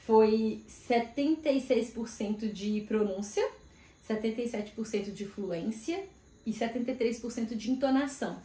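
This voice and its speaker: Sitting at home in Australia, a woman from Brazil in her thirties vlogs to camera about careers, her speech loose and full of fillers as she thinks out loud. She sounds fairly high with a dark tone, and the room echoes.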